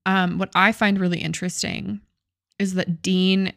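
A woman's voice: medium pitch, little pitch movement, normal speed, vocal fry, fairly bright tone, no room sound. Chatty young woman, dry close sound. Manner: casual, swears, many "like" fillers. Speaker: podcast co-host. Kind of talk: casual storytelling chat.

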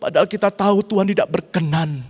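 A middle-aged man delivers an impassioned sermon, his voice sitting high for a man. He climbs to loud, pressing rhetorical questions, then drops to hushed, personal asides. The sound rings with the long reverb of a church hall. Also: fast, husky. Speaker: pastor.

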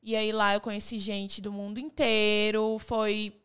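A young woman co-hosting a casual podcast, telling her story with lively quoted dialogue and repeated restarts. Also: medium pitch, measured pace, clear, resonant tone. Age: young adult. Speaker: podcast co-host. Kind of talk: casual chat among friends.

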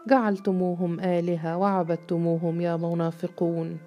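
A man's voice: a little high, flat delivery, moderate pace, warm tone, soft background music, lightly acted. A woman voicing a young man who angrily accuses a sheikh, speaking in a bitter, accusing way. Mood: bitter anger.

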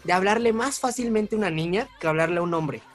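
A man's voice: sits high, fast. Young mexican guy, chatty, laughs a lot and pokes fun at himself, faint music behind. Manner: chatty, laughs often, self-mocking. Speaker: interview guest. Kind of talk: casual chat.

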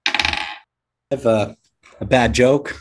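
A man's voice: mid-range voice, fairly even intonation, slow, background noise. A man playing a tabletop game, cracking jokes and giggling. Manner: jokey, giggly. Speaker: player. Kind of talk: casual tabletop play.

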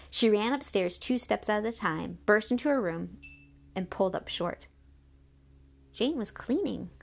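A woman narrating a children's novel in an audiobook, with expressive storytelling. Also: mid-range voice, creaky.

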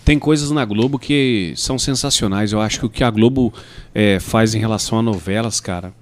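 A man from Brazil in casual chat, animated and joking, often mimicking people. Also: on the low side, a little fast.

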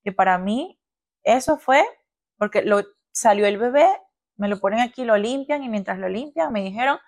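A woman's voice: medium pitch, moderate pace, no echo. Young woman, podcast co-host, slangy storyteller, dry close mic. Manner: lively storytelling, slangy and frank. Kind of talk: casual chat.

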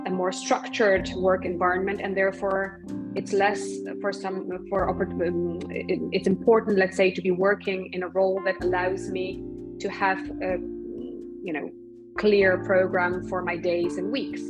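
A woman from Poland, a recruitment professional, answering interview questions in a measured, thoughtful way with frequent ums. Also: mid-range voice, level tone, music in the background, rough recording.

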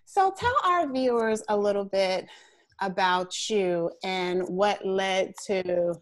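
A woman's voice: mid-range voice, slow. A woman hosts a casual online interview, taking her time over each phrase. She talks in a chatty way and stretches out the words she wants to stress. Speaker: host.

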